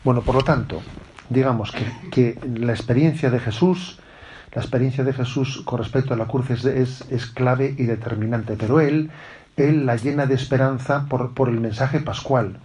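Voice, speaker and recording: A middle-aged bishop from gives a spiritual retreat talk, speaking at an ordinary pitch. He preaches conversationally and keeps checking in with his listeners through short tag questions. A faint hiss runs under his voice. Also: normal speed, darkish tone.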